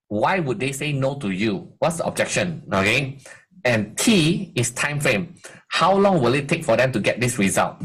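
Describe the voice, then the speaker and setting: Husky guy teaching an online marketing class, keeps throwing questions at the crowd. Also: medium pitch. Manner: energetic, rhetorical quiz questions to the audience. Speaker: marketing coach. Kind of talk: live online masterclass.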